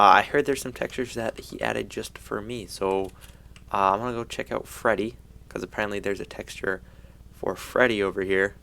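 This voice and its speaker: Low-voiced young bro doing casual gaming commentary. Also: male voice, gravelly. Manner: excitable frat-bro slang, saying dude and bro. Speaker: gaming video host.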